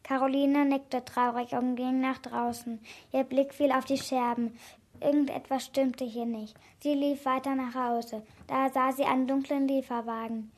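A woman reading a children's story aloud, clear and expressive. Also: high voice, unhurried.

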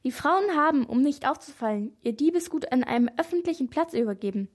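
Woman reading a stern older policeman, formal, firm, high voice, children's story. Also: animated, fairly quick. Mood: explaining.

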